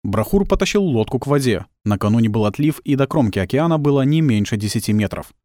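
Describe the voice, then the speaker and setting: Guy reading an audiobook, really lively pitch, dead dry booth sound. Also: fast, dry recording. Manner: expressive, tense storytelling. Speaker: audiobook narrator. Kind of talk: dramatic scripted narration. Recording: dry close studio sound.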